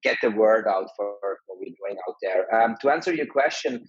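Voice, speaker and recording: A husky-voiced man in his thirties, talking English. He chats in a friendly, halting way, restarting his sentences often. The sound is dry and a little dull, like an online call. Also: on the low side, expressive, dry recording. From Switzerland. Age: 30s. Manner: friendly, many restarts and fillers. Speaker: guest, digital nomad entrepreneur. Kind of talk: casual interview talk.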